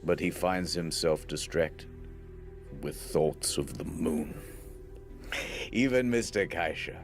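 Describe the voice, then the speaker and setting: Man narrating with lively mock drama. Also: a bass voice, slow, faint music behind. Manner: dry, mock-dramatic storytelling. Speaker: documentary narrator. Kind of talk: scripted comedic narration.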